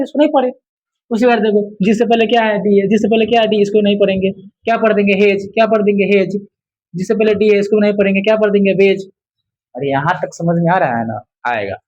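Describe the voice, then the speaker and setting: A man's voice: high voice, a little mellow. A man teaching English at a board, repeating each rule and answering his own questions as he coaxes students along. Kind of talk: whiteboard lesson, casual coaching. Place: room with a board. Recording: dull lo-fi recording.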